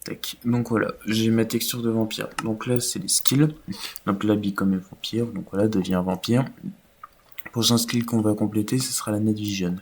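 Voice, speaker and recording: A man's voice: lowish voice, steady tone, normal speed, a little mellow, slight background noise. A man giving casual, rambling commentary over his own video game play, with many fillers. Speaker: gaming YouTuber.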